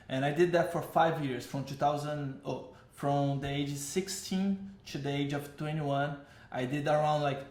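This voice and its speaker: In an echoey room, a man in his thirties with a fairly high voice tells his story as a vlogger. A native Portuguese speaker with a Brazilian accent, he rambles casually, correcting himself and dropping frequent "like" and "uh."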